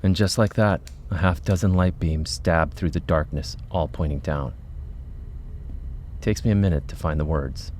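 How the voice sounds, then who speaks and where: In a low, darkish voice at normal speed, close to everyday speech, a man plays an uneasy paranormal investigator narrating his story in an audio drama. His confiding delivery is suspenseful, with faint music under the narration and slight background noise.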